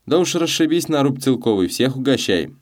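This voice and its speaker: A man's voice: medium pitch, big pitch swings, fairly quick, voice pushed up, close to an everyday voice. A man voicing a cheeky, brash street boy who talks in slang.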